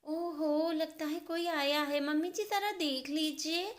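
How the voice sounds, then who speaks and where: A woman voicing a calm, clever young daughter-in-law who speaks in a composed, reassuring way. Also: high voice, unhurried, pitched above the performer's own voice. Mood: calm assured.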